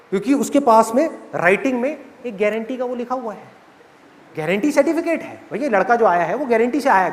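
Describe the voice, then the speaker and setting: Animated guy in his 30s from india joking with a crowd, highish voice, big hall echo. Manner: animated, joking, asks the audience questions. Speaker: motivational speaker. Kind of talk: live motivational talk. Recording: reverberant hall with audience.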